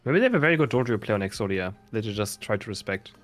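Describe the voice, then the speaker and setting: A man's voice: on the low side, lively intonation, racing, soft background music. A man co-casting an esports stream in an easygoing way, laughing along with the banter. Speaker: esports co-caster. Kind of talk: casual esports commentary.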